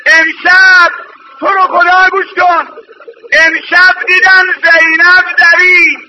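A male preacher delivering an impassioned, chanted religious lament to mourners in a hall, often shouting and repeating calls to listen. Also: very high-pitched, little pitch movement, slight background noise.

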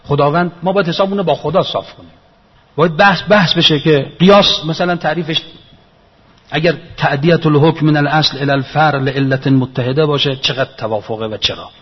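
A man with a husky, somewhat high voice gives a religious lecture. He reasons aloud earnestly and circles back to repeat his main points. The dull, lo-fi recording carries a long echo from a large hall. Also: steady tone. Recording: echoey hall, dull lo-fi sound.

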